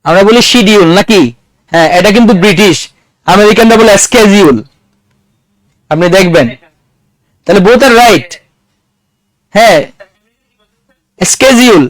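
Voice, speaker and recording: High-voiced man teaching a class. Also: moderate pace, long pauses, dry recording. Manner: conversational, quizzes the class, mixes in English words. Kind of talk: classroom lecture.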